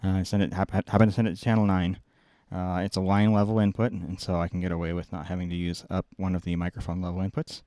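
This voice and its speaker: A middle-aged video production engineer gives an informal step-by-step tutorial, often correcting himself, in a small indoor production control room. His deep, dark voice is flat and quick with few pauses. A close boom-mounted mic captures it with no room sound.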